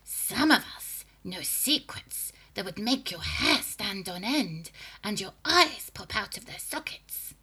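A wicked old grandma hag for a storybook: husky, throaty whisper, slow, relishing menace. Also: female voice, animated, pushed and bright, exaggerated voice, low-quality recording. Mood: sinister whisper. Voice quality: high, creaky, whispery and throaty. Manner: slow, gloating, relishing each word.

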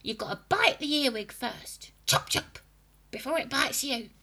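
A wicked old grandma hag for a storybook: husky, throaty whisper, slow, relishing menace. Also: female voice, lively intonation, pushed and bright, heavily acted. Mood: menacing. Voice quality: high, creaky, whispery and throaty. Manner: slow, gloating, relishing each word.

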